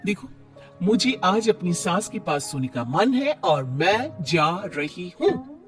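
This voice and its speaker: A man's voice: high voice, big pitch swings, slow, a bit bright, faint music behind, heavily acted. A man voicing a stubborn young wife in a cartoon story, insistent and lightly dismissive.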